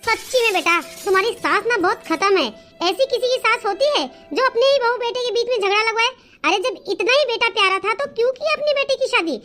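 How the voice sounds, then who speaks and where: A doting cartoon mother frets and coaxes. The voice sits extremely high and sounds bright and sharp. Light music plays underneath. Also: fairly quick. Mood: indignant. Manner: fussing and coaxing. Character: worried doting middle-aged mother. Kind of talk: cartoon comedy voice acting.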